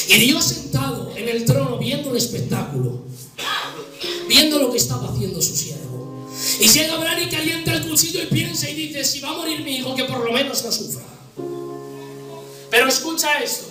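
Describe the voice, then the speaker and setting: A man preaching a dramatic sermon, telling a story with passion and swinging from hushed to loud. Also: very high-pitched. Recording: echoey room from far off with music.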